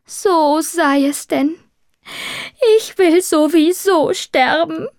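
A woman's voice: animated, measured pace, no echo, studio quality. Woman doing Maurizio, pompous tragic tomcat. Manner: grandiose, theatrical, high-flown speech. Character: pompous young male tomcat, dramatic would-be minstrel. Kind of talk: audiobook character voice.

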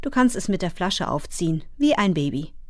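A woman reading a gentle, patient farmer father. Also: lowish voice, moderate pace, dry recording, clean studio sound. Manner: soft and calm.

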